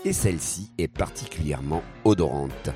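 A man's voice: extremely low pitch, lively intonation, moderate pace. A man hosting a show, presenting it in a playful radio introduction style. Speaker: show host. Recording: loud music behind the voice.

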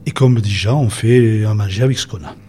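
A man from Provence with a Provençal accent, a storyteller guest who talks hesitantly and recites a poetic recipe in hushed tones. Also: fairly low pitch, fairly quick, soft background music. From Castellane, Provence. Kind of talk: radio conversation and recited text.

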